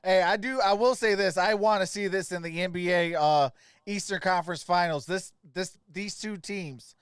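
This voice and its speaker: A man doing play-by-play on a live sports stream chats loosely with his audience and calls viewers by name. He speaks at a normal speed in a high, clean voice. The recording is dry, with clean studio sound.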